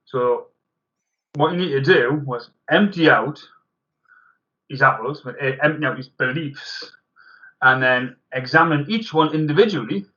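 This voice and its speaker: Man co-hosting a casual beer chat, bright edgy tone, explains ideas with lots of ums, muffled lo-fi sound. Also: mid-range voice. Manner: explains ideas at length with many ums and hedges. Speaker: social worker podcast co-host. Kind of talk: casual chat over beers. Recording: muffled lo-fi recording.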